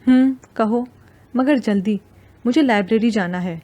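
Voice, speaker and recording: A woman's voice: a little high, warm tone, natural voice. A woman voicing a curt, aloof young male student who speaks brusquely and impatiently.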